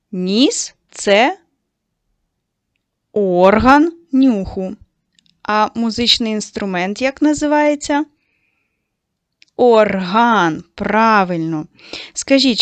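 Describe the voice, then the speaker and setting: A woman teacher giving a patient, slow second-grade lesson and stressing each word for young children. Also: fairly high pitch, no echo. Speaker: primary school teacher.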